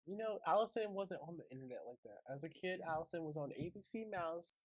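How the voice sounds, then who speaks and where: A man's voice: a little high, fast talker, no echo. A young man, co-hosting a casual podcast and joking around. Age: young adult. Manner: joking, animated storyteller. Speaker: podcast co-host. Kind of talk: casual chat.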